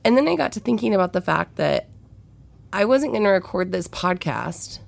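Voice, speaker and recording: A young woman chats candidly on her solo podcast at normal speed, very animated despite a head cold that leaves her low, gravelly voice nasal and sniffly. She curses freely and leans on many fillers.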